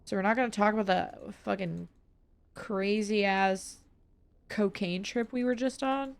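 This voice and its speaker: A young woman playing a game on stream, reacting excitably, swearing freely and reading the game's text aloud. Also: mid-range voice, unhurried, vocal fry, smooth. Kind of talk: casual let's-play commentary.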